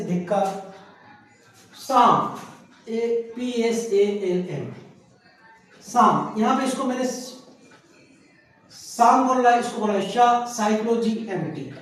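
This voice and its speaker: A man's voice: high-pitched, a bit bright. A man teaching an English grammar lesson. He spells words out letter by letter, repeats them, and asks the class questions that he answers himself. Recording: very echoey room heard from a distance.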